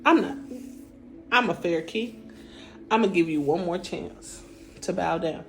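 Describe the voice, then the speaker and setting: A woman voicing a proud, quick-tempered king who talks in casual modern slang. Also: fairly low pitch, animated, a little hiss or hum, low-quality recording. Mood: indignant. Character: proud, easily angered male king.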